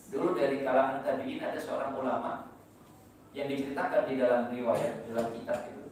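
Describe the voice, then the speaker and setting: A man's voice: medium pitch, brisk, a little mellow, a little hiss or hum. A man preaching in a mosque, chanting Arabic phrases and explaining them with rhetorical questions. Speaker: religious teacher. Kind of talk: mosque sermon. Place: mosque hall. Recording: echoey mosque hall from far off.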